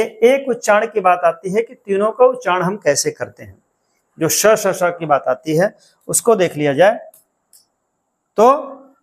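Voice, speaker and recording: A man teaching an exam-prep grammar lesson, explaining step by step and repeating key counts and sounds aloud. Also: high-pitched.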